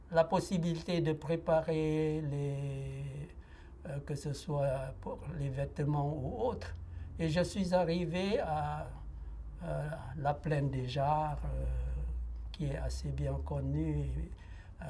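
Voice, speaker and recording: Faint noise lingers behind a Lao interviewee in his sixties as he gives a thoughtful personal testimony. His mellow voice sits a little high, and he talks slowly and hesitantly, pausing often and using filler sounds.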